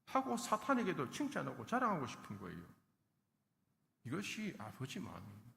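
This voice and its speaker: A man's voice: medium pitch, huge pitch swings, a little fast, gravelly, fairly bright tone, slight background noise. A male pastor preaching a sermon with emphasis, acting out the lines he quotes. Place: church sanctuary. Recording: echoey church hall.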